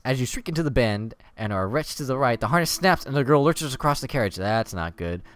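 A man's voice: medium pitch, animated, fairly quick, a bit bright. Sarcastic man reading game text aloud. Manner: sarcastic, swears and laughs at the story. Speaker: let's play host.

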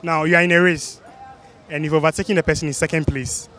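High-pitched young man, West African accent. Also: steady tone, fast, over music. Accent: West African, Ghanaian. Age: young adult. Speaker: street quiz host. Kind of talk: street interview, repeated quiz questions. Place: busy outdoor spot under a city flyover. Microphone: handheld microphone.

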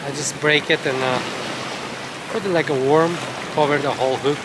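A middle-aged man, casually talking viewers through his fishing on a rocky jetty and getting excited when fish bite. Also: fairly high pitch, normal speed. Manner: chatty, addresses viewers as guys, excited when a fish bites. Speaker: fishing vlogger. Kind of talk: casual outdoor fishing vlog. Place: rocky jetty on a beach by the sea, outdoors. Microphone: chest-mounted action camera. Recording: action camera by the surf, loud wave noise. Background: loud waves and wind.

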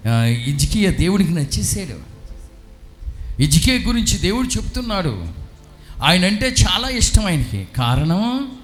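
A man, a priest, preaching a sermon to a congregation and questioning his listeners, his voice swinging between hushed and loud. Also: fairly high pitch. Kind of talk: Telugu sermon at a healing retreat.

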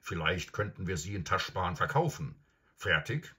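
A man reading aloud and voicing a proud, bossy male talking warhorse with a husky, teasing manner. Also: sits low, normal speed, heavily acted. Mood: teasing, commanding. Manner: lively, teasing, loud commands.

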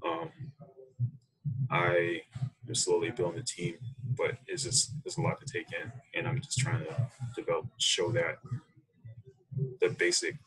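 A coffee roaster being interviewed speaks in a very deep, gravelly, sing-song voice with a fairly bright tone. The talk is casual and reflective, his words coming slowly and haltingly as he thinks them through. He's on a video call in a small room, picked up by a computer mic in a low-quality recording.

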